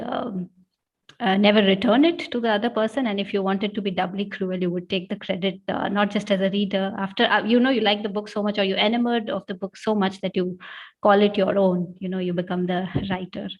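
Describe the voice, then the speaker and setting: A woman interviewing a guest in an academic conversation, speaking in a measured way with many fillers. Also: medium pitch, lo-fi sound.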